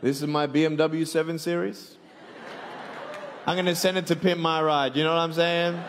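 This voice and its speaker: A long hall reverb and a little hiss or hum surround this evangelist's steady, high-ish voice at a normal speed. In his twenties and with an Australian accent, he gives a humorous, motivational sermon to a live audience and calls for their responses.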